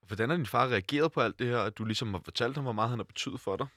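A man speaking Danish, hosting a podcast interview, asking gentle, empathetic questions. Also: medium pitch, a little hiss or hum. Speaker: podcast host.

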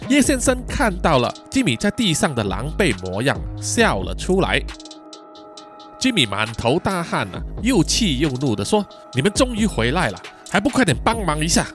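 A man narrating a podcast thriller story in a dramatic storytelling manner. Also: fairly high pitch. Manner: lively, dramatic storytelling with drawn-out particles. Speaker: storyteller host.

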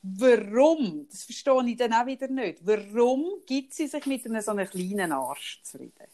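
A woman's voice: fairly high pitch, animated, moderate pace, mellow. Teasing Swiss German woman. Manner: teasing, chatty, laughs often. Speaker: podcast co-host. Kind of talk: casual chat.

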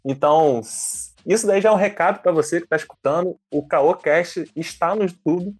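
Chill guy on a podcast, rambles on explaining stuff, a bit high voiced. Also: moderate pace, a little mellow, dry recording. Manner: laid-back, explains at length, laughs often. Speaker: podcast co-host. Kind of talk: casual podcast chat.

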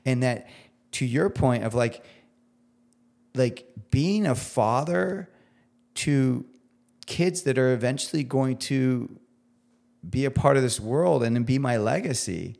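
A man's voice: mid-range voice, animated, takes it slowly, creaky, pauses often, darkish tone. A man talking as a guest on a podcast, earnest and emphatic in casual conversation, at times moved to the edge of tears. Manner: heartfelt, gets teary.

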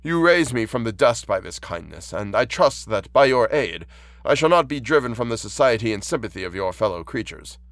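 A man's voice: medium pitch, big pitch swings, brisk, fairly bright tone, dry recording. A man voicing an outcast monster in an audiobook, anguished and pleading, with formal, fervent, eloquent speech. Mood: earnest, hopeful.

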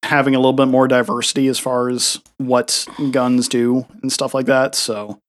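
A man's voice: medium pitch, level tone, normal speed. Easygoing man co-hosting a podcast. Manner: easygoing, filler-heavy. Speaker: podcast co-host. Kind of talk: casual gaming podcast chat.

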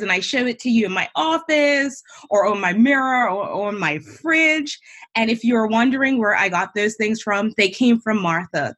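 A woman's voice: a little high, a bit bright, slightly rough. A woman hosting a faith-based podcast, reading a guest introduction and chatting in an upbeat way. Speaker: podcast host.

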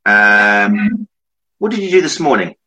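A man's voice: on the low side, very animated, a little slow, sharp tone, faint music behind, poor audio. A man, casually hosting an online interview from home, talking informally to the viewers and his guest. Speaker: online show host. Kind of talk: casual interview and introduction to camera. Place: home office.

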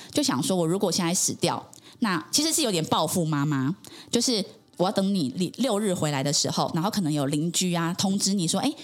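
A woman, a podcast guest earnestly telling her personal story in conversation, with frequent affirming interjections. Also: fairly low pitch.

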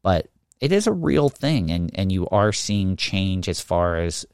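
Deep-voiced man. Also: sing-song, unhurried, a little mellow, clear, resonant tone, no echo, studio quality. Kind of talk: casual chat.

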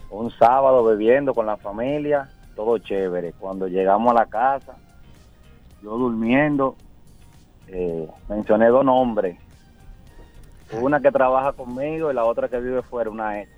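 A man's voice: mid-range voice, a little slow, soft background music. A man calling into a radio show, telling a story in a chatty way over a phone line. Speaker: caller. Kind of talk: telling an anecdote on a phone call.

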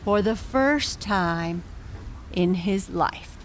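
A woman narrating a bedtime story gently, with long pauses between phrases. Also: medium pitch, expressive, slight background noise.

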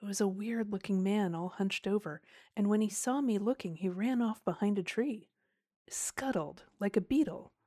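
A woman voicing a nervous young boy who talks in quick, uneasy bursts. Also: medium pitch, mellow, close to an everyday voice. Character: nervous young English boy, wary and sensitive.

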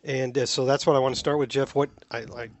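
A man's voice: mid-range voice, level tone, fast talker. A middle-aged man co-hosting a sports podcast in casual, explanatory chat. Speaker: podcast co-host.

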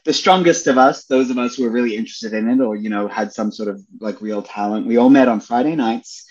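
This mid-range, slightly mellow male voice talks briskly, though the recording loses its highs. He's a young Broadway performer from Australia, a podcast guest in a casual interview chat, eager and full of "like" and "you know."

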